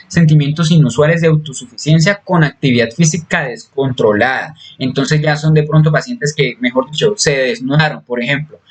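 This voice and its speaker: In a recorded psychology class, a male lecturer with a fairly high, slightly bright voice walks through the material step by step. His delivery is full of fillers and restarts, and he keeps asking "¿sí?" to check in.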